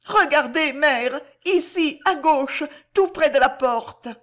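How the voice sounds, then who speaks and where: A woman's voice: high-pitched, slow, fairly bright tone, pitched above the performer's own voice. A woman reading the part of a desperate young daughter in an audiobook, pleading in a tearful, breathless way.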